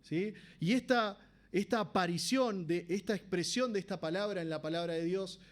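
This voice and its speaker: Preaching in church with an Argentine Spanish accent, a man addresses his congregation in a conversational style, frequently asking them rhetorical questions. He speaks at a moderate pace in a voice that sits high.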